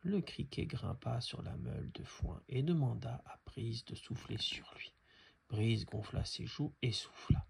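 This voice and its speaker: Gravelly man reading a children's story. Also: mid-range voice, animated, unhurried, a little hiss or hum. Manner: hushed, half-whispered narration. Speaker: storybook reader.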